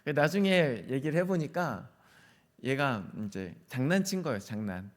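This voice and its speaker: A middle-aged male pastor preaching in a relaxed, conversational way to a youth service. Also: medium pitch. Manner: conversational, acts out quoted dialogue. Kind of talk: sermon.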